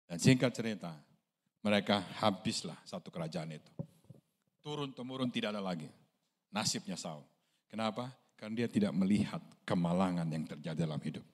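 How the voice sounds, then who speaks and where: An Indonesian pastor preaches at a fairly quick pace, telling his sermon like a conversational story. He asks the congregation questions and acts out quoted voices with big jumps in pitch.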